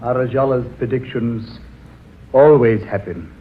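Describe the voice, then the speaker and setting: Actor playing a slow, sinister fortune-teller. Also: male voice, mid-range voice, lightly acted. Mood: sly amusement. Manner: deliberate, ominous, mocking chuckles. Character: sinister male fortune-teller, smugly menacing and unhurried. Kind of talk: 1950s horror radio drama acting. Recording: muffled, noisy vintage radio recording.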